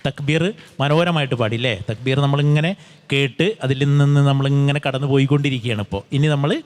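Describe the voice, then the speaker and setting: A man's voice: mid-range voice, a little fast. A man judging a child singer on a TV talent show, jovial and brotherly, joking to cheer him up. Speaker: judge. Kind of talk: judge's critique on a TV talent show.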